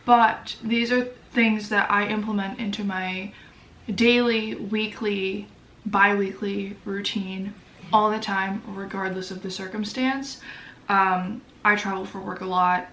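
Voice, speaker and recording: A young woman vlogs about lifestyle, chatting casually to camera in a congested, sniffly voice that's medium-pitched, fairly bright, slow and fairly even in intonation. She fills her talk with fillers and self-deprecating asides, and the echoey room leaves her voice a bit far from the mic.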